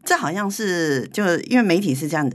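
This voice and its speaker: A woman's voice: fairly low pitch, lively intonation, a little fast. A woman hosting a conversational studio interview, restating what the guest says and putting questions to her. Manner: frequent short listening acknowledgements. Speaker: interview host. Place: recording studio.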